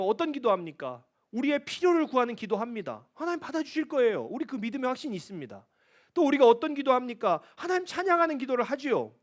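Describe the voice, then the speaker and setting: A male pastor giving a Sunday sermon in a church, preaching emphatically with rising, pleading phrases. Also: sits high. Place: church sanctuary.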